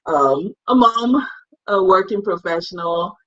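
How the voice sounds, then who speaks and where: A young woman from Cameroon chats in a relaxed, self-deprecating way, laughing easily as she talks. Her voice is husky and sits in a middle pitch. The recording sounds muffled and lo-fi. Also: a little slow. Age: young adult. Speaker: guest. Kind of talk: casual interview.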